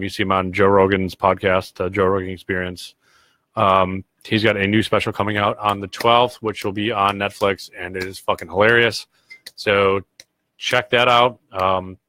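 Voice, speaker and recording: A man's voice: on the low side, sharp tone, no room sound. A young man with a cold hosting a casual podcast, rambling and swearing freely. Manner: rambling, profane, laid-back. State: sick with a cold. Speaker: podcast host. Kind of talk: casual livestream podcast chat.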